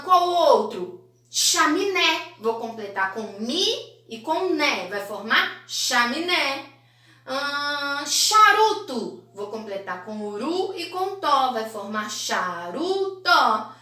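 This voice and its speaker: A Brazilian woman teacher correcting exercises in a recorded class for children, slow and encouraging, in a sing-song manner. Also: a little high, pushed and bright. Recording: echoey room, mic at a distance.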